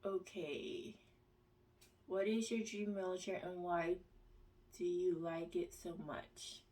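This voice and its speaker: Reading out questions for a casual question-and-answer vlog, this American woman replies slowly, pausing haltingly and using fillers. Her somewhat low voice is steady and a little mellow, recorded from a distance, a bit back from the mic.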